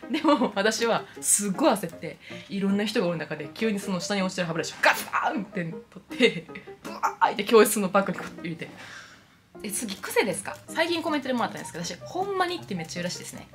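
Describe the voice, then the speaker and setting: A woman's voice: mid-range voice, very animated, rapid-fire. A young woman with a Kansai Japanese accent, chatting playfully through viewer questions in a vlog. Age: young adult. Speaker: YouTuber. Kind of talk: casual Q&A vlog. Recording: music playing underneath.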